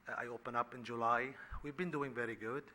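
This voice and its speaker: Halting man from Lebanon at a podium. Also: medium pitch, fairly even intonation, sharp tone, slight background noise. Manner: halting, many fillers and restarts. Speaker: restaurant owner applying for a license. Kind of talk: public comment at a city meeting. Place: council chamber.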